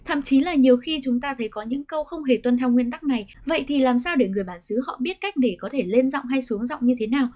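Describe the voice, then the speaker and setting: A woman with a Vietnamese accent teaching English pronunciation, explaining patiently and slowing down to model example sentences. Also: high-pitched, a little mellow.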